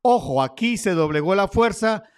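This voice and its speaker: A man with a notably high-pitched voice walks viewers through price charts in a chatty, informal way. He tosses in playful asides as he goes, keeping the commentary loose and conversational. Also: animated, moderate pace, clear, resonant tone. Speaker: crypto chart analyst. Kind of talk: casual market commentary over charts.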